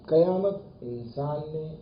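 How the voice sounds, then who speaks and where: Preacher, man, fairly high voice, animated storytelling, roomy lo-fi hall recording. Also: slow pace. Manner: animated storytelling with rising emphasis. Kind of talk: sermon. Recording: echoey hall, dull lo-fi sound, faint noise.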